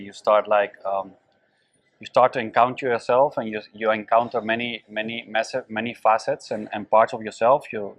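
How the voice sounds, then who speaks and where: A man from the Netherlands, answering interview questions hesitantly and filling his pauses with "um.". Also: lowish voice, low-quality recording. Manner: hesitant, many fillers. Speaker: guest, event volunteer.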